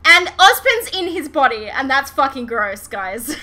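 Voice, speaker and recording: A woman with a high-pitched voice talks a little slowly as she hosts a casual fan podcast. She chats animatedly about a fandom, swearing freely and giggling through her retelling, with clear background noise in the recording.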